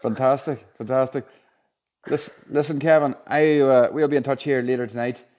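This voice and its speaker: A man's voice: medium pitch, steady tone, normal speed, darkish tone. A man of around forty informally presenting a live prize draw in a chatty, colloquial way. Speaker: competition draw host. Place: indoor showroom unit with a car and screen.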